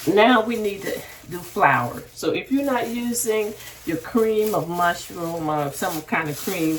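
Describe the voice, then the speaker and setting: A woman's voice: mid-range voice, gravelly. A woman hosting a casual cooking demonstration in a kitchen, chatty and meandering as she talks straight to viewers. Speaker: cooking show host. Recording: distant mic with faint room noise.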